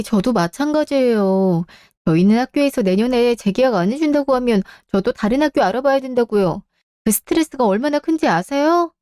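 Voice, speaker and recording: A politely cold young daughter-in-law, played by a woman in a radio drama, speaking with formal words but no warmth. Her voice is somewhat high and recorded dry and close. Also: no room sound, natural voice. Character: curt young-adult daughter-in-law, a teacher. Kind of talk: Korean radio drama acting.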